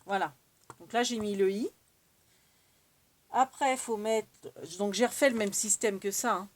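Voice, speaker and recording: A woman's voice: medium pitch, unhurried. A woman with a French accent demonstrating a craft tool, chatting casually and thinking aloud as she works. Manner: chatty, thinks aloud while working, many fillers. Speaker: craft tutorial host.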